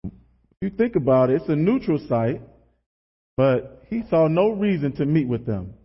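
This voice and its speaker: A man with a fairly high voice preaches in a loose, conversational way, tossing rhetorical questions to his listeners. His voice rings out with a long reverb tail, as if in a large hall. The recording sounds dull and lo-fi. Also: moderate pace, slightly rough. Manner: relaxed, asks the audience rhetorical questions. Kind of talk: casual conversational sermon.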